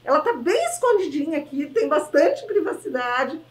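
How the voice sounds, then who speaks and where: A bubbly woman TV host with a Gaúcho accent and a bright, high voice, gushing and chatty, constantly checking in with "né?". She sounds a bit away from the mic, in an echoey shop. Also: sing-song, moderate pace, far from the mic. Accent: Gaúcho Brazilian Portuguese. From southern Brazil. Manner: effusive, chatty, keeps asking "né?". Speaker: TV show host. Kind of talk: enthusiastic on-location interview. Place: inside a small shop.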